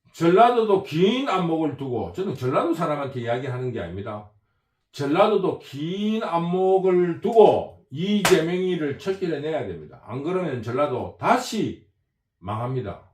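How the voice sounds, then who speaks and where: A man's voice: fairly high pitch, reverberant. A man delivering a rambling, repetitive political monologue with heavy emphasis. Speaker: political commentator.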